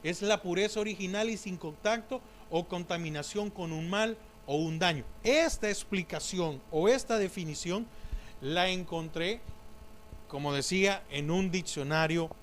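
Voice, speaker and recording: A man preaching a sermon in church, halting, with frequent fillers and restarts. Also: a little high, a bit bright, a little hiss or hum, poor audio. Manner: slow, halting delivery with many fillers and restarts.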